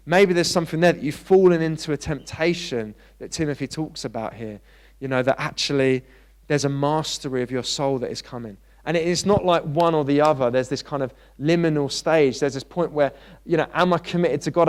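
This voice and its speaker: A man preaching a sermon in a church. He talks in a conversational way and gets animated when he tells stories. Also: a little high, brisk. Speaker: pastor.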